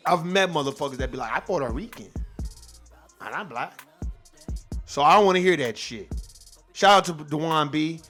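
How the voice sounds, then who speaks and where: A man's voice: fairly high pitch, animated, moderate pace, long pauses, fairly bright tone, soft background music. Heated profane man ranting. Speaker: host. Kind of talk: casual rant to viewers.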